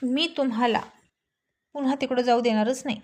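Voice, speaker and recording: A woman's voice: fairly high pitch, steady tone, brisk, a little mellow, close to an everyday voice. A woman voicing a young wife who is anxious and devoted to her husband, pleading and worried.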